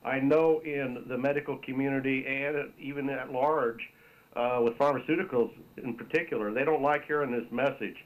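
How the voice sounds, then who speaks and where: A man's voice: medium pitch, steady tone, normal speed, highs cut off. A man calling in to a talk radio show, speaking earnestly and emphatically. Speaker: caller.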